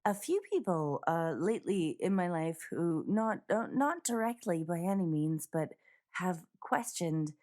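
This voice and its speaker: A woman's voice: fairly low pitch, expressive, unhurried, darkish tone. A woman co-hosting a casual chat show, playful and hesitant with fillers. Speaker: co-host.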